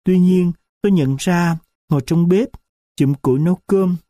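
A man narrating a storybook in a slow, solemn, reflective way. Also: high voice, dark tone, no echo, studio quality.

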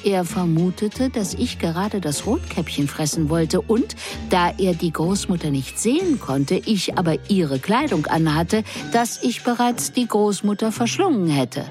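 Woman narrator for a radio story, unhurried, animated intonation, music bed. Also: fairly low pitch. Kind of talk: first-person story reading. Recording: music underneath.

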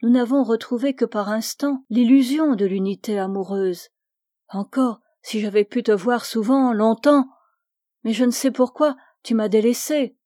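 A woman's voice: a little high, no echo, clean studio sound, close to an everyday voice. Woman reading an ailing, wistful young woman. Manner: soft, wistful.

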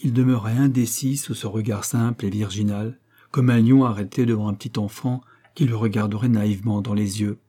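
A man giving a measured, scripted narration of a classic romantic novel. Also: fairly low pitch. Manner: measured, even storytelling. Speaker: audiobook narrator.

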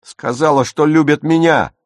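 A man voicing a normally quiet teenage boy who shouts threats at his twin during a fight. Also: fairly high pitch, moderate pace, dry recording, studio quality, voice pushed up, lightly acted. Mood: heated.

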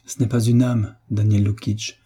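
A man's voice: fairly low pitch, level tone, moderate pace, dark tone, slightly rough. A man voicing a timid, frightened wife. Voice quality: hesitant and meek.

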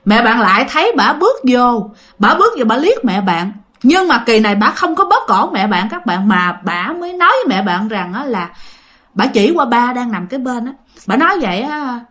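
A woman's voice: on the high side, very animated, moderate pace, fairly bright tone. A woman telling a ghost story in a chatty way, addressing listeners directly. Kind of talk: casual ghost story narration.

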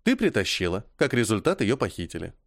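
Cool, scolding older sister, voiced by a man, dry and steady. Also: lowish voice, brisk, creaky, no room sound. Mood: stern. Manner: cool, lecturing, sharp.

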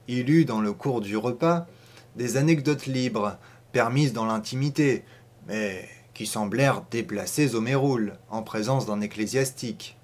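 A man narrating a classic short story as an audiobook, in a measured, expressive literary reading. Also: medium pitch.

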